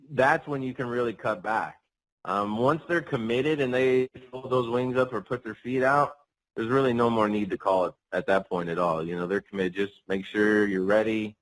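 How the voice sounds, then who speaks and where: Male hunting guide, lowish voice, casual interview guest explaining his technique. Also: fairly bright tone, low-quality recording.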